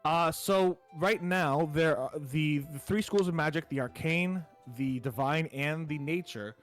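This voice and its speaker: A man with a somewhat high voice speaks at a measured pace, with faint music in the background. He is a game facilitator running a tabletop story game over a voice call, casually explaining the rules and reading the world lore in a solemn, storybook tone.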